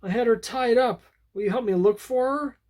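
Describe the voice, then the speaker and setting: A little boy from a comic book pleading for help to find his dog, voiced by a man who reads the lines. The voice lifts somewhat higher than his usual speech but stays plain and unforced. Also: normal speed, a little mellow. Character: young boy looking for his lost dog.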